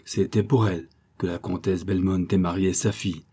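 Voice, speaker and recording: A man reads a classic novel aloud in a steady, measured way. His voice is low and mellow, with a husky grain. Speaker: audiobook narrator. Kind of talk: scripted narration.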